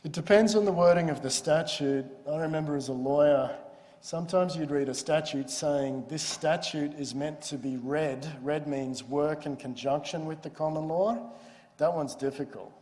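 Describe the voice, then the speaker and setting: A man giving a university law lecture in a relaxed, explanatory, conversational way. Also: a little high, moderate pace. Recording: lecture hall with long reverb.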